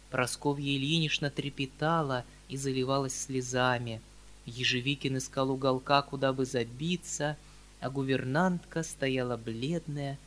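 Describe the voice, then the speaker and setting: A man reading classic literature aloud in a measured, grave narrating voice. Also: mid-range voice, fairly bright tone. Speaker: audiobook narrator.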